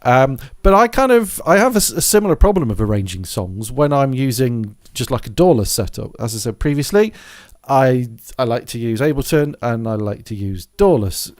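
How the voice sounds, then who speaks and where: A man's voice: medium pitch, big pitch swings, moderate pace, hardly any pauses, a little mellow, no room sound, studio quality. A man presenting a music gear tutorial in a casual, rambling way, thinking aloud as he goes. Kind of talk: casual software and hardware walkthrough. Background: scratching noise from a dog in the background.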